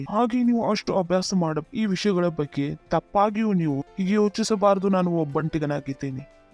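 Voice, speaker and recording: A man's voice: high voice, a little mellow. A male pastor preaching a sermon, often calling out "Praise the Lord" and asking the congregation to repeat after him.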